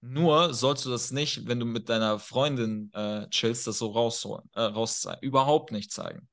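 Self-assured male podcast guest with a gravelly edge, blunt opinions, anecdotes. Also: medium pitch, moderate pace, a bit bright. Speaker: guest coach. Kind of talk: casual podcast chat.

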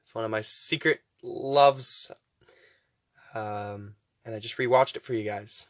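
Male podcaster with soft, w-like Rs. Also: fairly low pitch, measured pace, no echo. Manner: weak R sounds, pronounced close to W; chatty, urging listeners on with repeated phrases. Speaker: podcast host. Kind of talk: casual rambling podcast talk.

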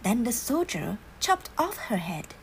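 A woman narrating a fairy tale in a hushed, unhurried whispered role-play. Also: a little high, big pitch swings, slight background noise, low-quality recording. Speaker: storyteller.

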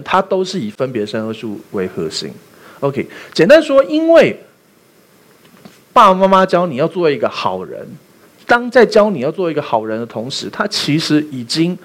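A man preaching a sermon as pastor, animated and quizzing the congregation with rhetorical questions. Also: on the high side, slightly rough.

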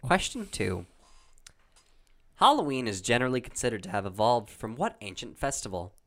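Animated man reading trivia. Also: medium pitch. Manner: animated, halting, laughs often. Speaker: quiz reader. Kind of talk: casual chat reading trivia aloud.

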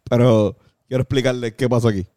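A man's voice: medium pitch, fairly even intonation, quick pace, dark tone, dry recording. A young man in an easygoing casual chat, swearing and laughing through his stories.

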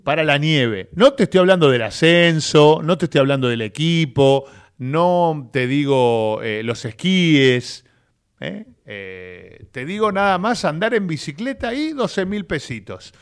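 A man with a Rioplatense Spanish accent, hosting a radio show in chatty, animated talk full of filler tags. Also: a little high, moderate pace, hardly any pauses. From Argentina. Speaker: radio host. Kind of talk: casual radio chat. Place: radio studio.

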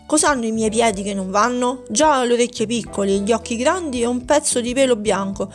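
A woman's voice: on the high side, a little fast, faint music behind, close to an everyday voice. A woman voicing an insecure young male hare. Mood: hurt. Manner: plaintive, defensive.

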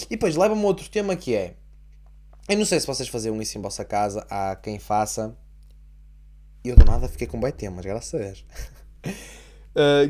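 A man's voice: medium pitch, a little mellow. A young man with a European Portuguese accent talks through a casual solo podcast monologue. He rambles from point to point, jokes with himself and swears freely. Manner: rambling, profane, jokey. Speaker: podcast host.

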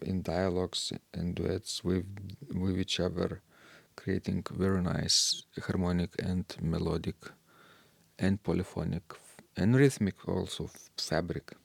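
A man with a very deep, gravelly voice talks through organ pieces at an unhurried pace. He pauses often and fills the gaps with hesitant ums. The sound is close and dry. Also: dry recording. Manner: slow and hesitant, with many fillers. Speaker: podcast co-host discussing organ music. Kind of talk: casual discussion.

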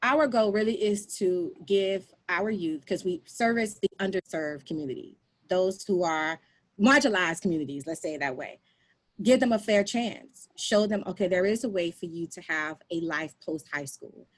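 A woman guest on a podcast explains her work with lively storytelling. She often stops to say "um" and "like." Her tone is casual and talkative. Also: lowish voice, moderate pace, poor audio. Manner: animated storyteller with frequent fillers. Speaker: podcast guest, nonprofit founder.

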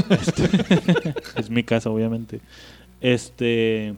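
Mellow-voiced Mexican man hosting a podcast. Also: mid-range voice, extremely slow, clean tone. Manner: slangy, rambling banter. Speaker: podcast host. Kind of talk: casual comic podcast chat.

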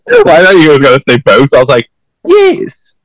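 A man from Portugal with a Portuguese accent, guesting on a podcast and chatting casually, animated and quick to jump into high exclamations. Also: no room sound, low-quality recording. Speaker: podcast guest, drag performer. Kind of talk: casual chat.

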